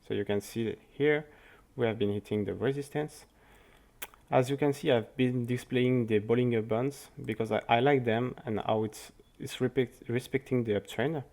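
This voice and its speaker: Man, French accent, non-native English, mid pitch, careful chart-walkthrough delivery with restarts. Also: steady tone, gravelly, a little mellow. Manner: careful, halting speech with restarts. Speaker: crypto market analyst. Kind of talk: scripted market review over charts.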